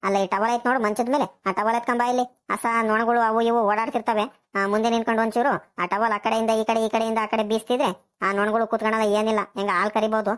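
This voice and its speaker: A woman's voice: on the high side, level tone, a little fast, natural voice. A woman voicing a fussy, worried old village grandmother. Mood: fussing. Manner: coaxing, worried.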